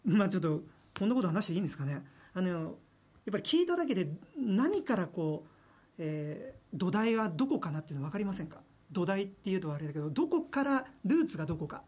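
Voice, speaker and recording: A man's voice: high voice, very animated, fast, darkish tone. A man working as a radio personality, chatting casually and animatedly in a studio, often laughing and imitating voices.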